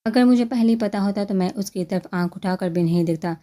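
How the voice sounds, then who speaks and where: A woman's voice: medium pitch, mellow, close to an everyday voice. Woman reading as a polite, charming young man. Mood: respectful. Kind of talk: storybook reading.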